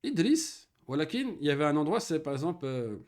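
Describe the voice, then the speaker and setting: A man with a somewhat high voice teaches Arabic grammar to a single student. He explains patiently step by step, pronounces the Arabic words and phrases slowly, and keeps checking that his student has understood. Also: sing-song, a little mellow. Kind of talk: one-on-one Arabic grammar lesson.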